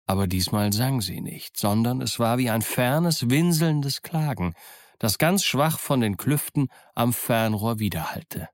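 A man narrating a classic adventure story in the first person, measured and dramatic. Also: medium pitch, animated, dry recording, studio quality. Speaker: audiobook narrator.

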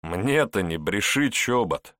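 A man voicing a coarse, mocking male police investigator who talks in gruff slang, in an audiobook. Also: on the low side, lively intonation, slow pace, a bit bright, dry recording, clean studio sound. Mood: sneering.

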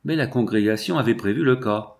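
A man reading a novel aloud as an audiobook, in steady, measured narration. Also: mid-range voice, creaky. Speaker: audiobook reader. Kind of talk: literary narration.

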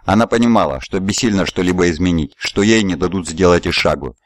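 A man narrating an audiobook in an even, measured reading voice. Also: low voice. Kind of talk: scripted narration.

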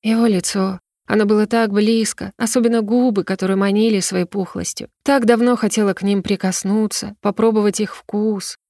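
A young woman narrating a first-person fantasy romance audiobook with an even, steady reading. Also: medium pitch, moderate pace, hardly any pauses, no room sound, clean studio sound.

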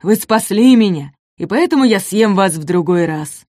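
A woman's voice: medium pitch, normal speed, darkish tone, dry recording, clean studio sound, close to an everyday voice. A woman voicing a greedy, boastful male predator dinosaur in a children's storybook, growling and menacing. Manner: growling, snarling.

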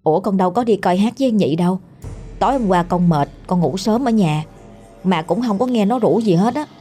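A woman narrator puts on a young village girl in a spoken horror story. She sounds puzzled and speaks quickly, with a mellow, breathy tone. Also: medium pitch, expressive, faint music behind.

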